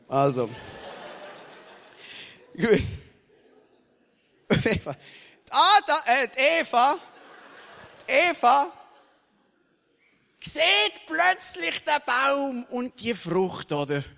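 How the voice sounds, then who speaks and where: A man's voice: very high voice, gravelly, big-room sound. A man with a Swiss German accent preaching a sermon. He speaks casually and keeps checking in with the listeners by asking "oder?". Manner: animated, casual wording.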